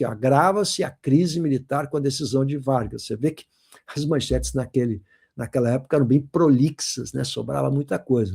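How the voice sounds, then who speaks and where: Lively husky male teacher. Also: medium pitch. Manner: lively, emphatic, addresses students directly. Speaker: writing teacher. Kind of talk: animated lecture.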